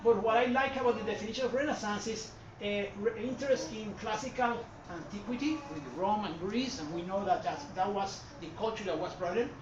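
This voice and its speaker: With a high voice, a little fast and with few pauses, a Puerto Rican art history presenter addresses an audience in an echoing gallery hall. His Puerto Rican Spanish accent comes through as he rambles, self-corrects, and uses many fillers, recorded by a distant room mic that sounds dull and noisy.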